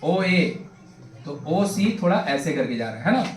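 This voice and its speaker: A high-voiced male math tutor, talking to his class in a chatty, joking, familiar way. His voice rings through a bare, echoey classroom and is picked up from some distance away. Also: sing-song, a little slow. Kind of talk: classroom lecture.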